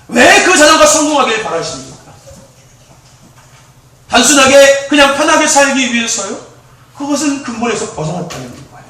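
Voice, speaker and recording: High, animated preaching man in echoey hall. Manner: animated preaching, rising to shouts, acting out prayers. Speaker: pastor. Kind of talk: sermon. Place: church sanctuary. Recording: echoey church hall, mic far off.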